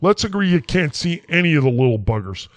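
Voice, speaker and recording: Guy doing a loud folksy quack doc, kinda high voice, rambling on. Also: sing-song, brisk, no room sound. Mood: lecturing. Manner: rambling, brash, folksy slang. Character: blustering folksy quack doctor, middle-aged man. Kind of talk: comedy sketch acting.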